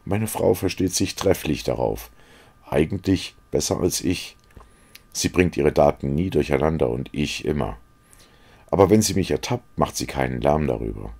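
A man's voice: a bass voice, expressive, moderate pace, vocal fry, a little mellow, breathy edge, exaggerated voice. A man reading aloud as a witty, cynical young aristocrat who talks in mocking epigrams. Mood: amused, teasing.

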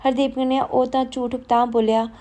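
A woman tells a family story aloud in a fairly high voice. Her tone is mellow rather than bright. She reads each character in the same steady, earnest way. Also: moderate pace. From Punjab.

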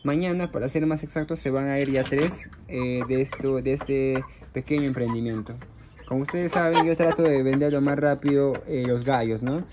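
This poultry farmer talks at a normal speed in a mid-range voice over a noisy background, with faint clucking from hens and roosters. Standing outdoors by his coop, he casually explains his chicken project to viewers he treats as friends, filler words and all.

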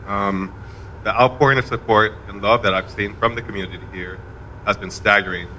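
A man stands at a memorial in a college event room, reading a eulogy for his father. His voice sits low but rings bright and forward, and he keeps a steady, rather monotone pace. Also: slight background noise, rough recording. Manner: fairly monotone, measured delivery. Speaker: son giving a eulogy.

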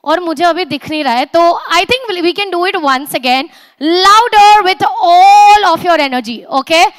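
A young woman with an Indian accent works as a stage emcee at a corporate event. Her voice is high and comes through dry and close on the microphone. She announces with energy, projecting out to rouse the audience. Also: rapid-fire, no room sound. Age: young adult. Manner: energetic, projected, rousing delivery. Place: large auditorium stage. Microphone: handheld and podium microphone.

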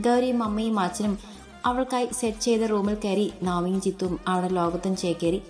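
A woman narrates a romance story for an audio channel in a steady storytelling voice. Her pitch sits in an ordinary middle range. Soft music runs quietly underneath. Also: fairly quick.

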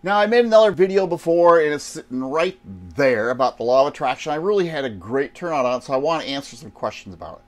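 A man, giving a folksy motivational talk to camera inside a small RV trailer. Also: medium pitch. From Wisconsin, United States. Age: 60s. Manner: folksy, asks and answers rhetorical questions. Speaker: online business coach.

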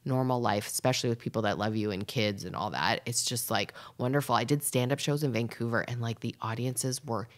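A Canadian woman comedian, a podcast guest, chatting casually and rambling, sometimes dropping to a breathy whisper. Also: a bass voice, a little fast, few pauses. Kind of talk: casual chat.

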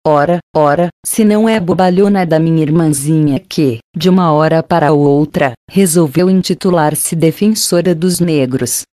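A woman narrator puts on a haughty, hot-tempered young mistress from an audiobook, scornful and snapping. Her voice sits low and mellow, recorded close and dry. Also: normal speed, hardly any pauses, dry recording, lightly acted. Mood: sneering.

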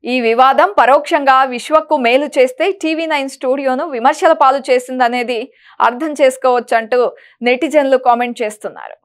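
A woman presenting entertainment news, reading a script in a brisk, even manner. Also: sits high.

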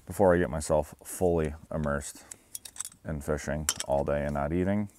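Low-voiced man talking on a river. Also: moderate pace, a little hiss or hum. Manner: relaxed, chatty, instructive. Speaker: fishing guide and vlog host. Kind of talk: casual outdoor vlog narration and how-to. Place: outdoors on a river.

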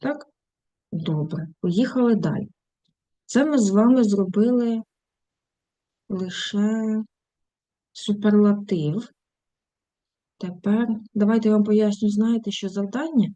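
Female language teacher, mellow voice, methodical lesson walkthrough, dry recording. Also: mid-range voice, slow pace, pauses often, dry recording, low-quality recording. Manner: explains textbook tasks step by step, mixing English phrases into Ukrainian. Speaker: English teacher.

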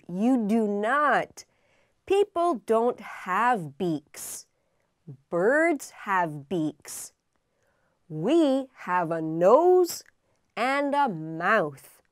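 A young woman presenting a children's phonics lesson, addressing young learners directly in simple, deliberate sentences. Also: a little high, no room sound, clean studio sound. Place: studio with an illustrated backdrop.

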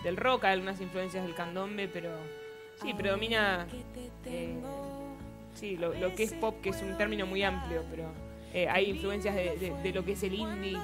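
A woman's voice: medium pitch, fairly even intonation, normal speed, music in the background. A young woman from Argentina, a singer-songwriter, chatting casually in a TV studio interview with easy laughs and hesitant fillers. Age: young adult. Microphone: headset mic.

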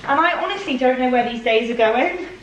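Filming on a camera set on her kitchen counter, a twenty-something British vlogger chats playfully through her cooking, full of slangy banter. She sounds high and animated at a fairly quick pace, though the audio is dull, with kitchen echo, clattering dishes and slight background noise.

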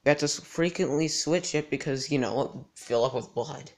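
A teenage male vlogger chatting casually and haltingly, with his mouth not fully closing after dental surgery. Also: mid-range voice. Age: teens. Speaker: gaming channel host. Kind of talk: casual vlog chat to camera. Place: indoors in a house. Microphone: handheld device at arm's length.

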